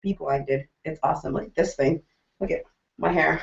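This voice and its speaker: Animated, jokey woman recap host. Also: sits low, moderate pace, vocal fry. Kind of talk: casual TV recap chat. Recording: roomy, dull lo-fi recording.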